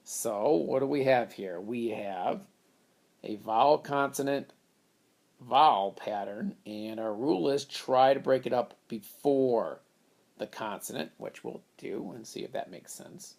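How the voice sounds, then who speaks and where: A man's voice: medium pitch, a little slow, creaky, a little mellow. A man teaching a reading lesson, patiently explaining step by step how to split words into syllables. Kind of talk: phonics lesson at a whiteboard.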